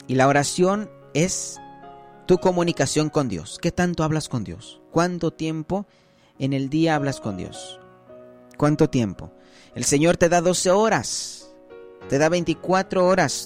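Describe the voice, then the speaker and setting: Guy preaching, kinda high voice, keeps asking "right?", faint music behind. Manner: conversational preaching with frequent rhetorical "¿sí?" checks. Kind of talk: sermon.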